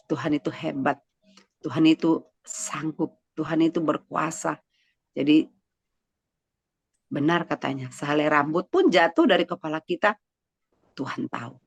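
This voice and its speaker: A woman's voice: low-pitched, vocal fry, no echo. A woman giving a heartfelt personal faith testimony to a congregation, talking conversationally with many fillers and sounding close to tears. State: emotional, near tears. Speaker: church testimony speaker.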